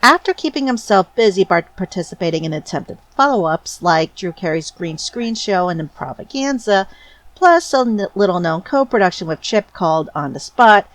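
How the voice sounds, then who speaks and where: Woman narrator, lively and animated intonation, enthusiastic fan commentary, dry close voice-over. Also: on the low side, moderate pace, no echo. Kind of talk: scripted narration.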